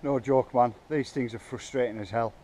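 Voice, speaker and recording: A man's voice: medium pitch, fairly even intonation, moderate pace, mellow, a little hiss or hum. A man vlogging as he works on a bike park trail in the woods, chatting casually with lots of hesitations and filming himself on a handheld camera. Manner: chatty, hesitant, self-talk while working. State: out of breath. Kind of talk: casual vlog narration. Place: outdoors in woods.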